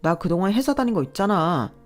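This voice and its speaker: A woman's voice: on the low side, big pitch swings, a little fast, faint music behind. Woman voicing a whiny, entitled young husband. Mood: wheedling. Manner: whiny, demanding, indignant.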